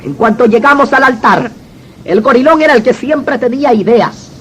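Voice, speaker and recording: A man's voice: extremely high pitch, animated, normal speed, fairly bright tone, slight background noise, poor audio. A man giving a religious conversion testimony, telling it dramatically and addressing the listener as brother. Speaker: former gang member giving a testimony.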